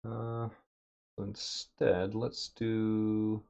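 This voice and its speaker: A man livestreaming as he paints a miniature, thinking aloud in a relaxed way with lots of fillers, his throat a bit dry and rough. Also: fairly low pitch, drawn-out words, muffled recording. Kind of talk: casual livestream chat. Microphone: desk mic with noise gate.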